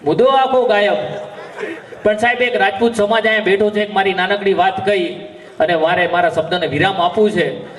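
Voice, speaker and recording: A man's voice: high-pitched, steady tone, fairly quick, a bit bright. A man with a Gujarati accent telling jokes on a live stage, acting out the dialogue. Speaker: stage comedian. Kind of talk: live folk humor storytelling. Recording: echoey live venue from far off.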